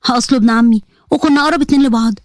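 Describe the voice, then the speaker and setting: A woman's voice: on the high side, rapid-fire, no room sound, studio quality, lightly acted. A woman voicing a hurt, stubborn young woman student with an Egyptian accent, talking earnestly and emotionally in a narrated story. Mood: confiding.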